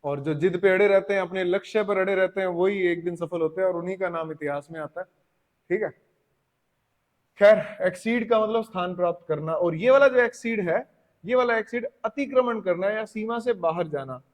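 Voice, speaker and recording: A man with an Indian accent teaching English vocabulary, explaining in Hindi, reading English examples slowly and asking his students rhetorical questions. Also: sits high. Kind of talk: classroom lesson. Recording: long reverb, echoey classroom.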